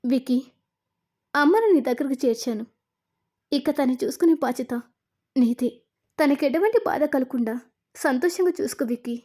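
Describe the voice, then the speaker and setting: A woman's voice: high-pitched, normal speed, long pauses, darkish tone, lightly acted. A woman voicing a captive young mother pleading tearfully, in a retold serial.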